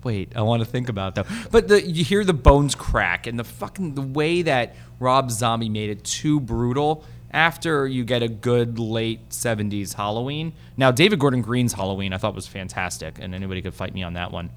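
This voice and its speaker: A man co-hosting a podcast in casual chat, animated and swearing freely as he tells stories. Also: mid-range voice, normal speed, few pauses, slight background noise. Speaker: podcast co-host.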